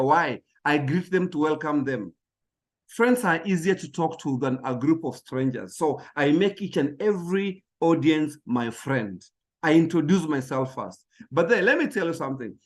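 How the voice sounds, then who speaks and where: Man, high-pitched, public speaking trainer, emphatic motivational talk, repeats himself, stumbles on small words. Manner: emphatic and repetitive, often stammering on words.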